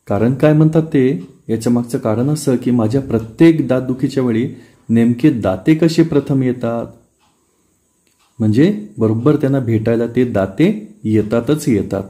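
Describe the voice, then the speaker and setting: A teacher with a Marathi accent explaining a textbook chapter, reading passages of dialogue aloud and then explaining them plainly. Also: male voice, medium pitch, mellow.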